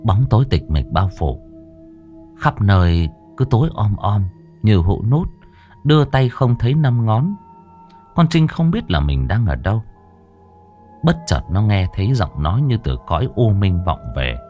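A male storyteller reads a scripted ghost story, drawing out the dread. His voice is very deep yet highly animated in melody, with faint music playing beneath. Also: measured pace. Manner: dramatic, lingering storytelling. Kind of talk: scripted horror narration.

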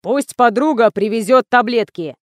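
A woman's voice: a little high, normal speed, no echo, clean studio sound, lightly acted. A woman reading aloud, voicing a curt, nervous male blackmailer who barks short orders. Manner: curt, barking.

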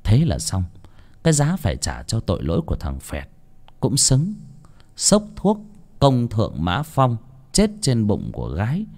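A man narrating a horror story in an expressive, dramatic way. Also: medium pitch, unhurried, creaky. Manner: expressive, swooping intonation. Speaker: audiobook narrator.

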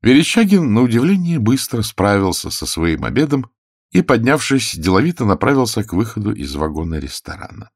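A man giving scripted audiobook narration in an even, measured storytelling manner. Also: fairly low pitch, no echo, studio quality.

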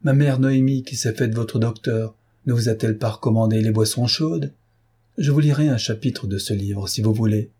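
A man reading aloud who voices an earnest, respectful young pupil in a gentle tone. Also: mid-range voice, moderate pace, slightly rough, lightly acted.

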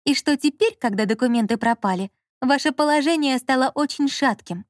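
A woman putting on a sly, high-pitched young con woman. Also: a little fast, no echo, clean studio sound, lightly acted. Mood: coolly threatening. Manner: theatrical, switching between cold pressure and gushing.

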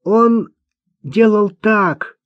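A man's voice: high voice, very slow, no echo, pitched above the performer's own voice. A man voicing a simple-minded, vengeful young man in an audiobook, talking bluntly and childishly. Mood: sullen. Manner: childish, blunt, hate-filled. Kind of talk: audiobook character voice. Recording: dull dry lo-fi recording.

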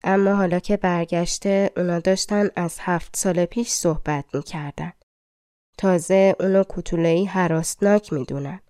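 A woman narrating a fairy tale audiobook in a colloquial, measured storytelling manner. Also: lowish voice, fairly even intonation, mellow, no echo, clean studio sound.

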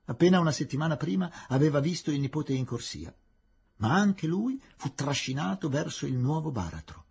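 Husky guy reading a novel out loud, very lively up and down, dramatic. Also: fairly high pitch, normal speed. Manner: expressive, theatrical. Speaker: audiobook reader.

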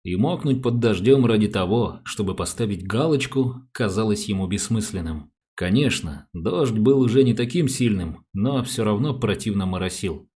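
A man narrating an audiobook with an even, unhurried reading. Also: on the low side, husky. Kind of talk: scripted narration.

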